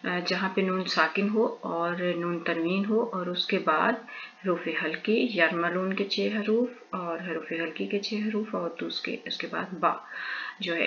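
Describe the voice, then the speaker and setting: Slow, low-voiced woman teaching recitation. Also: a bit bright, dull audio, a little hiss or hum. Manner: spells out letters and vowel marks syllable by syllable, then joins them. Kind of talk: slow spelled-out recitation drill; explaining a lesson to viewers.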